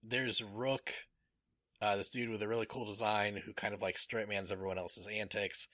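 A man's voice: fairly low pitch, level tone, normal speed, bright, forceful tone, dry recording, clean studio sound. A man chatting casually as a podcast host, enthusiastic and rambling, with many fillers. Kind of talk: casual chat.

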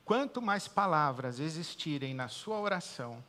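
A Brazilian pastor preaching in a sermon, his voice bright and forceful and pitched a little high for a man. He swings from loud, emphatic declarations to quiet, hushed pauses. His words ring out with a long church-hall reverb. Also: animated. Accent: Brazilian Portuguese.

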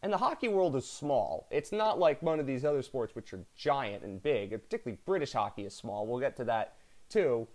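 A man's voice: mid-range voice, big pitch swings, fairly quick, a little mellow. Chatty North American man hosting a podcast. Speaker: podcast host. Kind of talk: conversational podcast interviewing.

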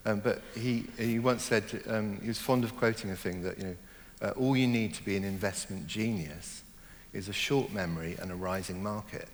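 A man's voice: lowish voice, moderate pace, few pauses, in a large hall, slight background noise. Thoughtful, hesitant middle-aged man novelist. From born in Germany, raised in Hong Kong. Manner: thoughtful, hesitant, many fillers and restarts. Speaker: novelist, interview guest. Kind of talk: reflective interview conversation.

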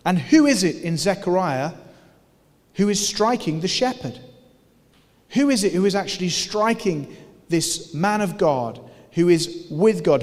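Preaching man in a reverberant hall. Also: a little high. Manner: earnest, emphatic preaching with rhetorical questions. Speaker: pastor. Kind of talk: sermon.

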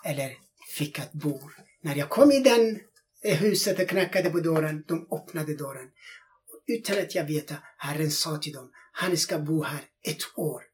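A man's voice: on the high side, expressive, a little hiss or hum. A man telling a personal faith testimony in an interview, speaking in non-native Swedish and acting out the dialogue in his story with feeling.

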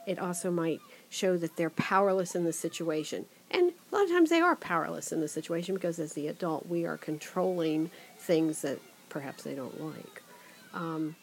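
A middle-aged woman, a school's director of education, calmly explaining parenting ideas on a podcast and stretching out key words for emphasis. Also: fairly low pitch, slight background noise.

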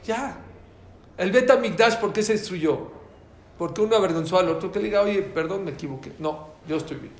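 Lively rabbi in a roomy hall. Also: male voice, high-pitched, normal speed, a little hiss or hum. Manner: animated, jokey, repeats key phrases. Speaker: rabbi giving a talk. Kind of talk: informal sermon to a live audience.

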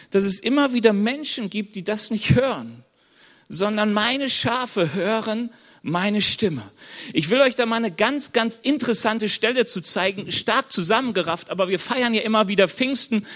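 A man's voice: sits high, fairly bright tone. A man giving a conversational sermon, informal and sometimes searching for words. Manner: informal, searching for words, chuckles now and then. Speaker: preacher.

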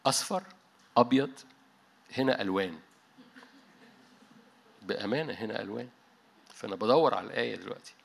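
A man with an Egyptian Arabic accent preaching a sermon to a church meeting, animated, dropping English words and often restarting mid-phrase. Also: lowish voice, fast, vocal fry, long pauses. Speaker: pastor.

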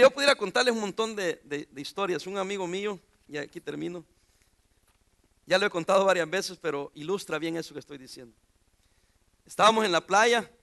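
A man's voice: sits high, creaky, bright, forceful tone. A pastor preaching an informal sermon in a church, joking and putting questions to his congregation.

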